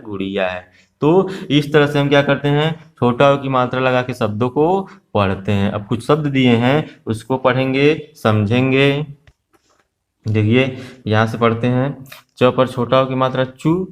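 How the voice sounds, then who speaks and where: Patient male Hindi teacher. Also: medium pitch. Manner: patient, repeats questions and answers slowly. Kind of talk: Hindi phonics lesson for young children.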